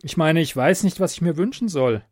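A man's voice: on the high side, expressive, a little fast, no room sound, clean studio sound, voice pushed up. A man doing an exasperated woman's voice. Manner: indignant, sharp. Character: exasperated woman, tax office clerk.

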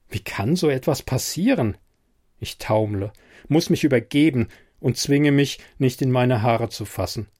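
A man's voice: mid-range voice, darkish tone. Man reading a tense first-person horror story.

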